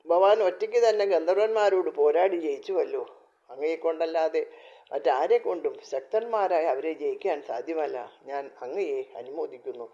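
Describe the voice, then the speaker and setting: A man's voice: a little high, normal speed, warm tone, close to an everyday voice. A man voicing a proud warrior who consoles his king, read steadily in a storybook telling, on a dull lo-fi recording. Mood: earnest.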